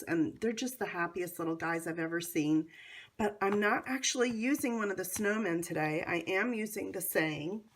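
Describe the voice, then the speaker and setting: An American woman with a hoarse, cold-affected voice hosts a casual how-to craft demonstration in a chatty, enthusiastic way. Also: mid-range voice. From North Carolina, United States. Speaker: craft tutorial host.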